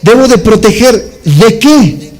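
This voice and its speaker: A man's voice: high voice, animated, slow pace, darkish tone. A man preaching a sermon to his congregation, asking them to follow along, spelling out Greek words and repeating key phrases for emphasis. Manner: addresses the congregation, asks for amens.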